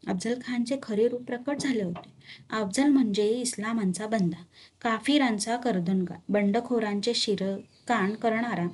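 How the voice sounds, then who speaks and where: A woman narrating a historical novel in a steady, dramatic storytelling manner. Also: a little high, a little slow, a little hiss or hum.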